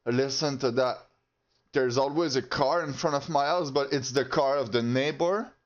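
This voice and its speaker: A man telling a story in a heated, profane rant, halting often and restarting his sentences. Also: mid-range voice. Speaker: channel host. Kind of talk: casual rant to camera. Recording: slightly dull lo-fi audio.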